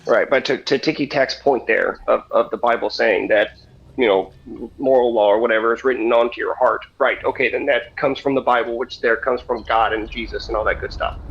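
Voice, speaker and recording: Male panelist, husky voice, measured reasoning, muffled lo-fi audio. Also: medium pitch, steady tone. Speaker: debate panelist. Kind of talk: casual online debate.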